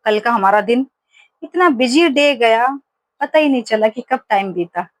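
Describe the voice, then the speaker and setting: A woman in her thirties chats casually for her home vlog from her kitchen. Her voice sits a little high and sounds close and dry, and she rambles through stories with plenty of fillers. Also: expressive, moderate pace, no room sound. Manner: chatty storytelling with many fillers. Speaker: vlogger.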